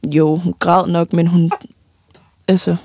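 Young woman with a gravelly voice, halting. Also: fairly low pitch, little pitch movement, dark tone, dry recording, clean studio sound. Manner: halting, many fillers and restarts, tearful at times. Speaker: interviewee. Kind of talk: personal grief account.

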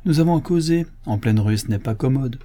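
A man's voice: mid-range voice, animated, a little fast, warm tone, voice pushed up, lightly acted. A man voicing a brusque, dogged police inspector in an audiobook, insistent in manner. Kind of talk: audiobook character voice.

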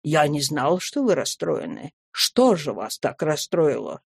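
Female reader voicing a sulky, distracted wealthy man, middle-aged, low and hesitant, storybook reading. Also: very animated, measured pace, creaky, a little mellow, breathy edge, dry recording, clean studio sound, heavily acted. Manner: mumbling, sulky, flustered. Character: gloomy, absent-minded, rich middle-aged businessman.

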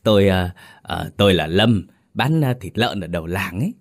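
A burly village pig butcher, played by a male narrator in a spoken ghost story. He talks in a very deep voice and stammers shyly, halting over each phrase. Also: animated. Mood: flustered. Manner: stammering, full of hesitations.

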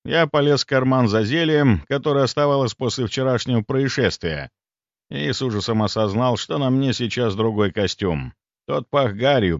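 A man narrating a fantasy audiobook in the first person, expressive and storytelling. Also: mid-range voice, no echo, dull audio.

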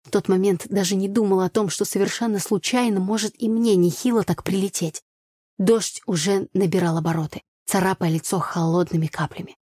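A woman narrating a first-person audiobook story with an even, storytelling delivery. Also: mid-range voice, fairly quick, husky, dry recording, studio quality.

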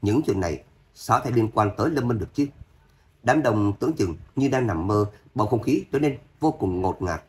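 Guy reading out an audio novel, lowish voice, steady dramatic storytelling. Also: normal speed. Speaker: narrator.

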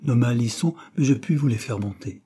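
A man's voice: medium pitch, expressive, brisk, dark tone, slightly rough, voice pushed up. A man reading aloud voices a timid, polite young mother renting out rooms in a storybook. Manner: anxious, polite, eager to please.

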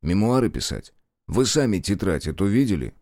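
A man's voice: sits low, very animated, normal speed, a little mellow, no room sound, clean studio sound. A man reading a cold, probing investigator. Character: cold, persistent male wartime investigator.

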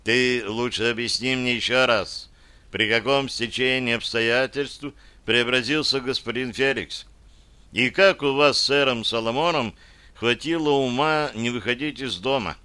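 A man reading a calm dark magister. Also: mid-range voice, clear, resonant tone, no echo. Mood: grave. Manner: cool, measured, matter-of-fact.

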